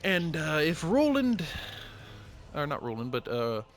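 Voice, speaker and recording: A man's voice: on the high side, very animated, unhurried, soft background music, pitched above the performer's own voice. A man voicing a cheery, motherly little dwarf woman apothecary in a tabletop game. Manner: sing-song, calls people honey.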